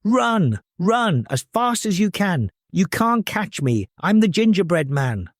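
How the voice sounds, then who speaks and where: A man's voice: sits high, lively intonation, measured pace, no room sound, clean studio sound, pitched above the performer's own voice. A man voicing a small, cheeky, boastful gingerbread man in a children's fairy tale, with a taunting sing-song delivery. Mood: cheeky boasting.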